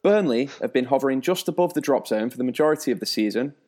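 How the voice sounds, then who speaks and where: A man's voice: mid-range voice, lively intonation, quick pace, a little mellow. A man hosting a spoof football show, with a dry, teasing presenter delivery. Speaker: host.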